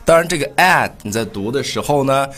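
A man hosting a casual podcast lesson, patiently explaining pronunciation and slowly repeating example phrases. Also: medium pitch, lively intonation, a bit bright. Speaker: host and pronunciation teacher.

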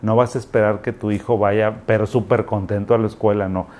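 A man with a Mexican accent speaks as a doctor advising parents, his voice fairly low, steady, a little mellow and slightly fast. His manner is conversational and explanatory, and he acts out quotes.

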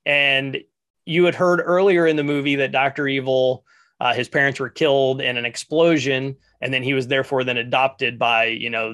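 A man's voice: mid-range voice, a bit bright. A man hosting a podcast, chatting casually and rambling through a retelling with lots of fillers. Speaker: podcast host. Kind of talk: casual chat.

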